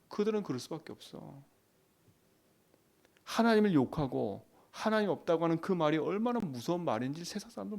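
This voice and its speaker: A man preaching a dawn prayer sermon as pastor, asking the congregation questions, swinging from loud emphatic lines to quiet asides. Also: on the high side, creaky.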